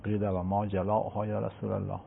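Gravelly deep-voiced cleric answering a caller. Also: male voice, level tone, a little hiss or hum. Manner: measured, quotes scripture in Arabic. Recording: tinny phone-line sound.

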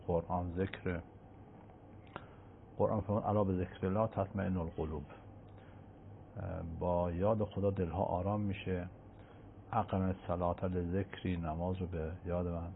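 A man, a cleric, giving a measured religious answer to a caller and quoting scripture in Arabic. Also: low voice, a little hiss or hum. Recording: tinny phone-line sound.

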